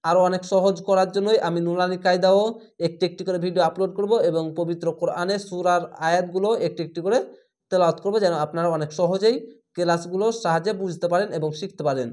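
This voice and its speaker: A patient Quran reading teacher, speaking slowly in an online lesson, repeating each letter sound and stretching the vowels. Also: mid-range voice, steady tone, darkish tone. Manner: patient step-by-step explaining.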